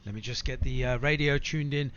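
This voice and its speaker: A man's voice: medium pitch, fairly even intonation, a little fast, fairly bright tone. A man chatting casually as he live-streams a flight simulator, addressing viewers in a matey way. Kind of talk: casual livestream chat and gameplay commentary. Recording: faint background noise, slightly dull sound.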